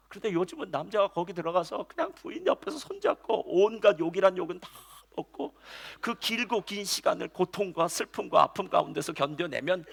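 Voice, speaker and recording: Animated, gravelly-voiced male pastor preaching. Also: high-pitched. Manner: animated preaching with sudden drops to soft storytelling. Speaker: senior pastor. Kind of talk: Sunday sermon.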